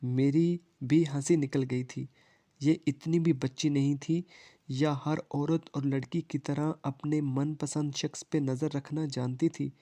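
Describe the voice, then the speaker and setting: A male storyteller reads a first-person tale at a steady, even pace. His voice is mellow and flat, pitched a little high for a man, with very little rise and fall.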